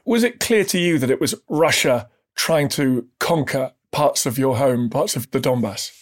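A man's voice: medium pitch, expressive, normal speed. A man interviewing a guest, asking polite and encouraging questions.

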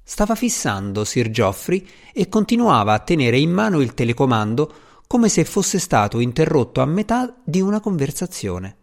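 Lively male audiobook narrator. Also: fairly high pitch, normal speed, vocal fry, few pauses. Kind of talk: scripted narration.

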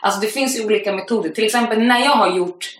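A woman in her twenties from Sweden, a guest actress chatting casually on a podcast and telling lively, slangy stories with English phrases mixed in. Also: mid-range voice, slight background noise. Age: 20s. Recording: roomy echo.

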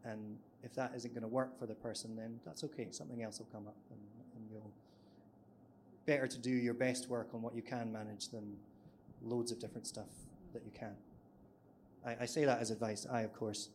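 A man's voice: medium pitch, level tone, fairly quick, darkish tone, slight background noise. A man on a writers' panel, speaking candidly and laughing at his own past nerves. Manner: candid, self-deprecating, acts out his own past worries. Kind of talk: live panel discussion.

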